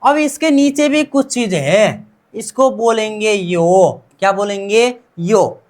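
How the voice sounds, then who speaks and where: A woman with an Indian accent uses Hindi to teach Korean pronunciation, her medium-pitched voice animated and measured. She drills every word repeatedly and puts questions to the students before answering them.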